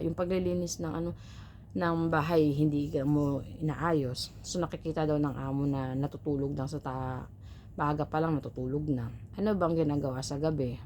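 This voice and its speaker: A woman from the Philippines vlogging casually about her work as a household helper. Her voice sits low, and she talks in a chatty, advice-giving way with frequent rhetorical tags. A faint hum of room sound lies behind her. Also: a little mellow. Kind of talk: casual storytelling to viewers.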